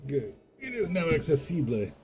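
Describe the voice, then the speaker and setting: A man's voice: on the high side, big pitch swings, moderate pace, a little mellow, faint music behind. A man giving casual gameplay commentary, muttering to himself as he plays. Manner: muttering to himself while playing. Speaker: gamer, video host.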